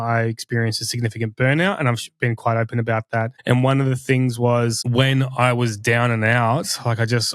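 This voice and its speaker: A podcast co-host with a medium-pitched voice talks candidly and earnestly, often restarting his sentences. His manner is confessional and halting. The clean studio sound carries no room noise.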